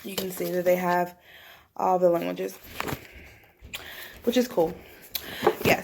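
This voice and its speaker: A woman's voice: fairly low pitch, vocal fry. A woman in her thirties chatting casually in a rambling way, thinking aloud as she films an unboxing vlog at home on a phone. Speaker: vlogger. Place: small room at home, indoors. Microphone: phone at arm's length.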